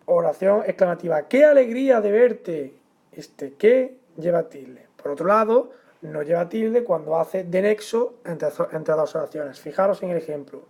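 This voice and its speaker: Man teaching a measured grammar lesson. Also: high-pitched, darkish tone. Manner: measured and explanatory, stressing example words.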